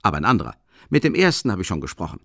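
A man voicing a boisterous young male student in an audiobook, booming and exclaiming. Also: wildly swooping pitch, rapid-fire, creaky, a bit bright, dry recording, clean studio sound, heavily acted. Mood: hearty, boisterous. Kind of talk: audiobook character reading.

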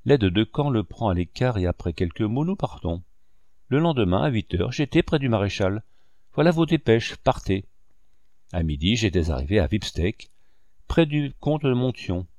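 A man narrates a first-person memoir in a measured storytelling manner. His voice sits low. The recording is dry and close. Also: big pitch swings, darkish tone, no room sound. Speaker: audiobook narrator.

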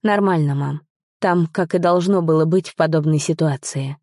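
Woman voicing a young man, guilty lover, soft, pleading, low mellow tone. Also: normal speed, no echo, clean studio sound, lightly acted. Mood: flat.

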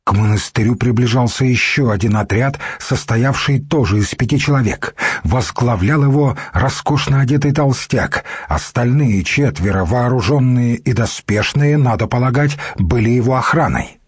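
A man narrating an audiobook in a steady, measured reading voice. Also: mid-range voice, husky, dry recording, clean studio sound.

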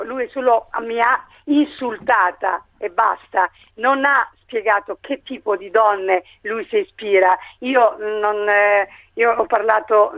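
A woman's voice: medium pitch, dry recording. A woman argues in a heated radio debate, emphatic and combative. Her voice comes through a dull, dry phone line. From Morocco. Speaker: guest activist.

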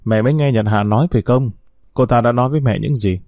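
A man's voice: medium pitch, fast talker, darkish tone, no room sound, clean studio sound, close to an everyday voice. A man reading a storybook as a sarcastic young company boss, speaking in a stern, cutting way. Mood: wry.

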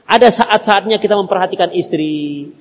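A male Islamic preacher, giving a lively, joking sermon that acts out little dialogues. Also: high-pitched, moderate pace, in a large hall.

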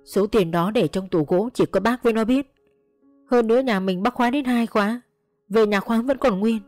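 A woman's voice: on the high side, normal speed, a little mellow, dry recording, faint music behind, natural voice. A woman voicing a grief-stricken elderly village woman who talks through tears in a quavering voice. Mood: tearful. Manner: tearful, quavering, pleading.

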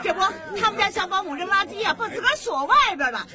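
Chatty neighbor, very high animated voice, loud crowd behind. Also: female voice, fast. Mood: excited. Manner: excitable, chatty, exclaiming. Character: gossipy excited neighbor woman. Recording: radio play crowd scene behind.

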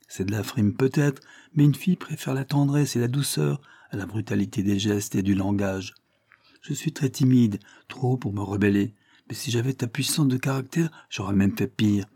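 A man voicing a shy, gentle teenage girl who speaks softly and earnestly. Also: mid-range voice, breathy edge, dry recording, clean studio sound.

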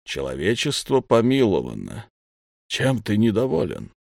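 A man voicing a male god who speaks slowly and measuredly, with lofty regret. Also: fairly low pitch, wildly swooping pitch, vocal fry, a little mellow, dry recording, clean studio sound, heavily acted. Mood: calm.

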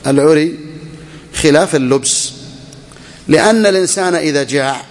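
A man gives a classical religious lesson in a slightly high voice, pacing each phrase slowly and saying it twice for his students. His voice rings with the long reverb of a large hall. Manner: slow, deliberate, repeats each phrase for students; asks students questions. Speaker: Islamic scholar teaching a fiqh text. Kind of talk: classical Arabic lesson commentary.

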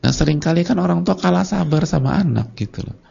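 A man giving a casual, colloquial religious lecture, telling lively stories and acting out short dialogues. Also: fairly high pitch, fast, gravelly, breathy edge. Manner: colloquial and conversational. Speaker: Islamic preacher. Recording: dull lo-fi lecture recording.

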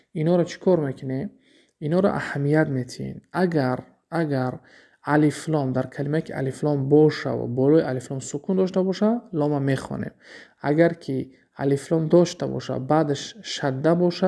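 A man with a Tajik accent teaches an Arabic grammar lesson. His voice is gravelly and a touch high, with a dark, mellow tone. He explains patiently, asking and answering his own questions.

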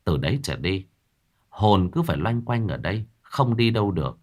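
A man's voice: on the low side, sing-song, normal speed. A man narrating a horror story in the first person with dramatic, vivid delivery.

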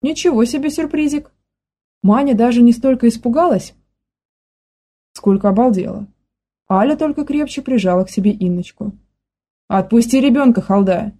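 A woman narrating a children's story in an even, measured reading voice. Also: fairly high pitch, slightly rough. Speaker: audiobook narrator.

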